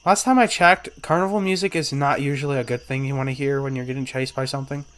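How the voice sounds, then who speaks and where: A man's voice: mid-range voice, steady tone, quick pace, a bit bright. A man chatting casually as a co-player during a video game. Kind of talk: casual gaming chat.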